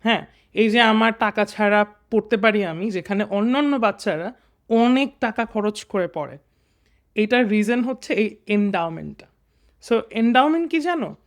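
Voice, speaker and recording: A man's voice: high-pitched, lively intonation, normal speed. A young man in his twenties with a Bangladeshi accent, tutoring students in English grammar. He talks patiently and reads sentences in small pieces, mixing English words into his explanations. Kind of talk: casual exam lesson.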